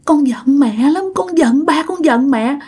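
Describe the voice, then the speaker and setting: A woman's voice: sits high, measured pace, darkish tone, voice pushed up. A woman voicing the ghost of a young child who was abandoned, reproachful and pleading. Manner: childish whining, clingy and reproachful. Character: wronged ghost girl-child, sulky, whining, pleading. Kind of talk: storytelling.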